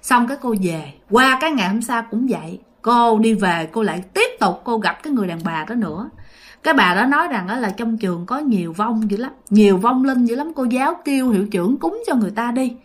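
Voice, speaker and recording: A woman with a slightly high voice and lively intonation tells a ghost story at a fairly quick pace. She keeps it casual and chatty, talking straight to her listeners.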